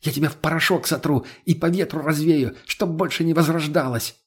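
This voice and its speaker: Smug young guy villain, done by a man reading a book, higher voice, husky, mocking and threatening. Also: a little fast. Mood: menacing.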